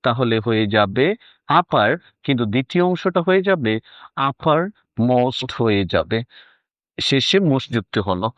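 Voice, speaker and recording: A man's voice: mid-range voice, no echo. A man teaching an English grammar lesson, talking to the student informally and asking then answering his own questions.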